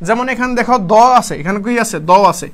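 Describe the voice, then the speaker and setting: A young man with a Chittagong accent teaches an exam-prep class in a high voice. He explains each point step by step, asks questions and answers them himself. He calls his students brother, friendly and patient. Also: fast, a bit bright. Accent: Chittagong Bangla. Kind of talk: online exam-prep lesson.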